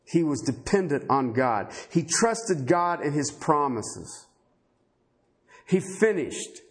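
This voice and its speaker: A man's voice: fairly high pitch, sing-song, slow. A man preaching a sermon, asking rhetorical questions and acting out the voices of biblical figures.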